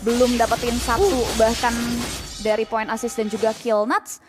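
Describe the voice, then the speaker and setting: A woman with an Indonesian accent calling a live game match play-by-play like an excitable esports announcer. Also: fairly high pitch, moderate pace. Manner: announcer-like, rising to excited calls. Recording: music behind the voice. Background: background music.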